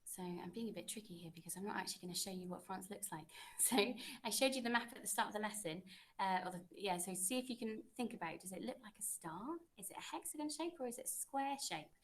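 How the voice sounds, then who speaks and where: A woman's voice: mid-range voice, quick pace, a little hiss or hum. A young woman, a French teacher, running a classroom quiz with pupils in an encouraging, chatty way.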